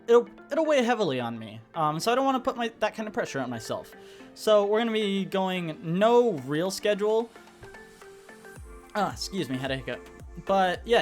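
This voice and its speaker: A young man hosting a gaming channel, giving a casual, rambling update with lots of restarts and fillers. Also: on the high side. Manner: rambling, self-correcting, laid-back. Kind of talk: casual update vlog over gameplay. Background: soft background music.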